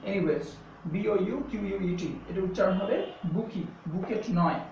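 A man with a high voice and lively intonation, speaking at a moderate pace, gives a spoken lesson to camera on English pronunciation. He explains patiently, spells words letter by letter and breaks into English phrases, all captured in an echoey, dull, slightly distant recording with a faint hum.

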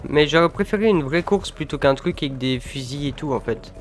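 A man with a slightly high voice chats casually with a friend as he plays. It is relaxed gameplay commentary, with faint noise, horse sounds and clicks behind him. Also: a little fast. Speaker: gaming video co-host.

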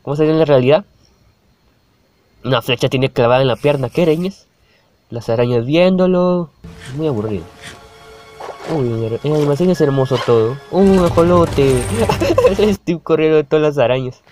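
A man's voice: a little high, normal speed, pauses often, over music. Chatty young man reacting, laughing. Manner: chatty, laughs often, exclaims at the screen. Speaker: YouTuber reacting to a video. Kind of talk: casual reaction commentary.

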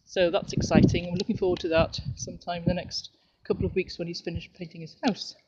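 A middle-aged woman chats her way around her back garden while filming on a handheld camera. Her talk is relaxed and cheerful, a casual home tour. The audio is dull and lo-fi, with steady background noise over the outdoor sound. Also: fairly low pitch, fast talker. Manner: chatty, relaxed, cheerful narration while walking. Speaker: home video maker. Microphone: handheld camera mic.

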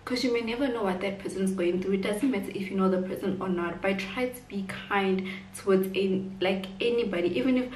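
A woman's voice: mid-range voice, fast talker, hardly any pauses, a little mellow. A woman, telling a personal story to camera in a rambling way, full of "like" and "whatsoever". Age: 20s. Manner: rambling, filler-heavy retelling with "like" and "whatsoever". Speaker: vlogger. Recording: roomy, distant from the mic, faint background noise.

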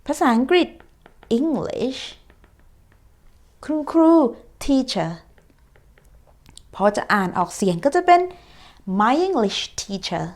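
A woman explaining an online English lesson in a chatty, encouraging way. She talks straight to her students and slips in playful, teasing asides. Her voice sits at an ordinary middle pitch. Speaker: English teacher.

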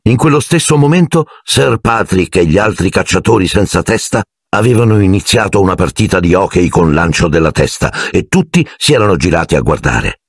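A man reading an audiobook aloud in an expressive, animated way. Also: low-pitched, a little fast, hardly any pauses, husky, no room sound. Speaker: audiobook narrator. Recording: dry close recording.

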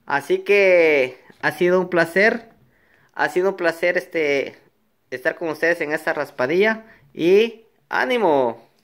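A man's voice: on the high side, takes it slowly. A nervous, playful man chatting casually to his viewers as a vlogger, joking and singing to himself. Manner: excitable, playful, jokes and sings along.

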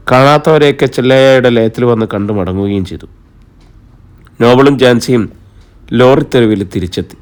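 A man calmly narrating an audiobook as a storyteller. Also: mid-range voice, clean tone.

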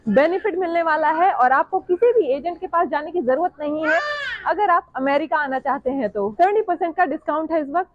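A woman's voice: high voice, brisk, phone-quality sound. A woman in her thirties chattily explaining grocery prices to the camera as a vlogger, recorded with a clip-on mic. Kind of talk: casual vlog narration. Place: large supermarket, indoors.

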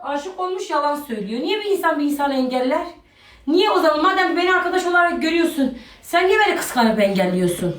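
A woman's voice: sits high, very animated, fast, a bit bright, reverberant. A woman on a live stream, ranting to her viewers in an exasperated way, repeating herself and sighing between lines. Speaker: social media personality on a live stream.

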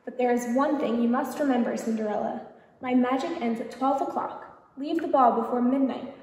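A woman reading as a calm fairy godmother. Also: on the high side, normal speed, natural voice. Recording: echoey hall, distant mic.

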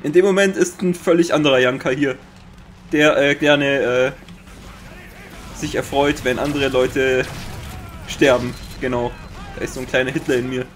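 A young man with a Bavarian accent giving excitable Let's Play commentary, swearing often and making sound-effect noises. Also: mid-range voice, normal speed, pauses often, a little hiss or hum. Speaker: gaming commentator.

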